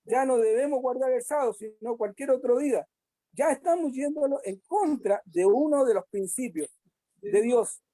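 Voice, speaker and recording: A woman's voice: high voice, normal speed, warm tone, no room sound, rough recording. A woman reviewing a church Bible lesson, asking the listeners questions and hesitating often. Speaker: Sabbath school teacher.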